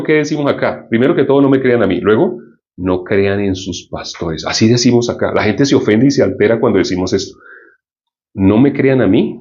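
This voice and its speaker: A man's voice: mid-range voice, a little mellow. A man preaching a sermon, often asking the audience questions and repeating points for emphasis. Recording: dull lo-fi sound.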